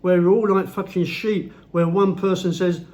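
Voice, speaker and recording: A man's voice: high-pitched, steady tone, normal speed, darkish tone. A man ranting in his own vlog, blunt and heavily profane, talking at home. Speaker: vlogger.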